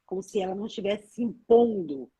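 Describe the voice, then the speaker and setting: Woman, husky voice, therapist, explanatory, live Q&A. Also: mid-range voice, fast talker, rough recording. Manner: explanatory, steady reasoning aloud. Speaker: therapist co-host. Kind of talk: live Q&A chat.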